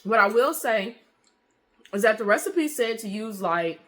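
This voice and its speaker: A woman's voice: fairly high pitch, animated, unhurried, a bit bright. A woman chatting casually in a home baking vlog, with lots of fillers, calling her viewers honey and y'all. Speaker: vlogger. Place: home kitchen.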